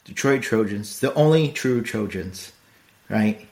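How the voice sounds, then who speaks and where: A man's voice: fairly low pitch, animated, unhurried, vocal fry, a little mellow. A middle-aged man hosting a podcast, talking in a blunt, rambling and earnest casual monologue. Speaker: podcast host.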